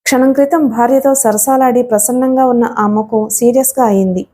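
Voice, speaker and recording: A woman's voice: on the high side, fairly even intonation, moderate pace, warm tone. A woman narrating a novel as a scripted audiobook reading.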